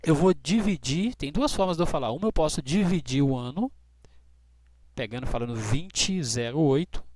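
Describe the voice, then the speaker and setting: A man teaching English dates, who explains patiently and slows right down to model each English phrase. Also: a little high, lively intonation, darkish tone, slight background noise. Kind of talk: classroom explanation.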